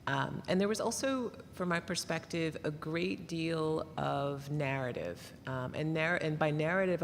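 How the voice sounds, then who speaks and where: A woman's voice: a bass voice, in a large hall, a little hiss or hum. A woman from Nashville, Tennessee, interviewing an artist on stage in reflective, long, hedging sentences.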